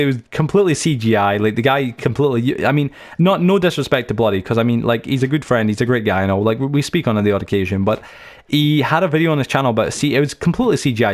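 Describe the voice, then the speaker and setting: A young man hosting a game channel, giving a chatty, rambling tour full of stories, fillers and restarts. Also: mid-range voice. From United Kingdom. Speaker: gaming channel host. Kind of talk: rambling let's-play tour commentary.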